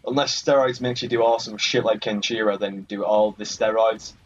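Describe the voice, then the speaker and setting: A man with a fairly low voice narrates a let's play a little fast, his tone steady as he jokes and swears mildly at the game's characters. He hosts gaming videos. Muffled lo-fi audio carries slight background noise under the game music.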